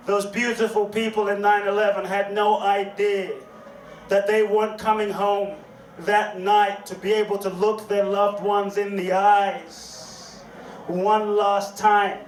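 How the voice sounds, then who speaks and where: A man with a high voice gives a motivational talk at an unhurried, dramatic pace, repeating questions to the audience. His voice carries from a distance through a reverberant event hall, with a faint hiss underneath. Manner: slow, dramatic, repeats questions, leads call-and-response. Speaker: inspirational speaker. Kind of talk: motivational speech to a live audience. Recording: echoey hall, distant mic, faint noise.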